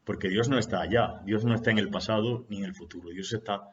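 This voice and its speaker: A patient old spiritual master, answering with calm plainness , as a man telling a parable puts him on. His voice sits low. The recording sounds dull and lo-fi. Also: fast talker, slight background noise, lightly acted. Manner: calm, matter-of-fact answers.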